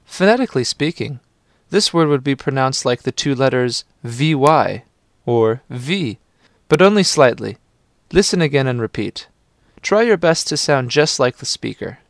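Guy narrating a language lesson, calm and patient, dry close sound. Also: medium pitch, moderate pace, gravelly, no room sound. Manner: calm, patient, prompting the listener to repeat. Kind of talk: scripted instructional narration.

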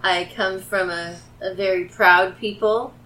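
A woman's voice: medium pitch, fairly even intonation, measured pace, sharp tone, a little hiss or hum, poor audio. A woman voicing a short, pompous male adventurer from the sea who speaks in grand, old-fashioned courtly phrases. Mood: proud.

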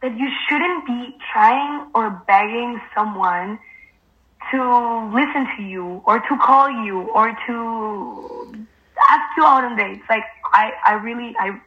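A woman's voice: on the high side, slow, highs cut off. A young woman whose first language is Spanish, speaking as a guest in a casual conversation, hesitant and earnest, filling her sentences with "like". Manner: hesitant, fills with "like" constantly, earnest.

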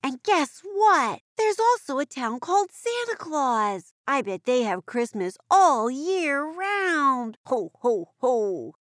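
Woman as a perky cartoon cat, highish pitch, animated singsong children's-theatre delivery, curious, playful, dry sound. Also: slow pace, hardly any pauses, no echo, full character voice. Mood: delighted. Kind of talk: scripted educational dialogue for children.

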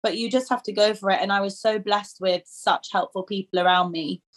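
A woman's voice: medium pitch, steady tone, a little fast. Chatty young woman full of fillers. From England. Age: 20s. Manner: chatty, filler-heavy, self-deprecating and laughing often. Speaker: dental student guest. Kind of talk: casual conversational interview.

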